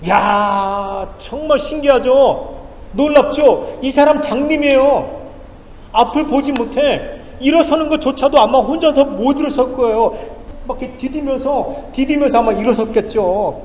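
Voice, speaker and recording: A male pastor preaching a sermon, firing off rhetorical questions and swinging between loud and hushed lines. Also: extremely high pitch, normal speed, a little hiss or hum. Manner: emphatic, rhetorical questions, dramatic swings in loudness. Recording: echoey church hall with faint ambience.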